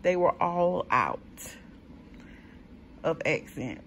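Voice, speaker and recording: A woman's voice: on the low side, expressive, a bit bright, dull audio, slight background noise. A woman, chatting unhurriedly to viewers as she shows her grocery haul. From South Carolina. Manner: chatty, unhurried, many ums, addresses viewers as y'all. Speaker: vlogger showing a grocery haul. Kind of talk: casual chat to viewers.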